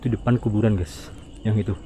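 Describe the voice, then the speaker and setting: A man with an Indonesian accent doing a casual, halting exploration vlog outdoors at night, talking to his viewers in murmured asides and exclamations. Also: lowish voice, steady tone, dark tone. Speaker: vlogger exploring an abandoned site at night. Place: outdoors in overgrown wooded area at night. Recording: outdoor night noise, insects.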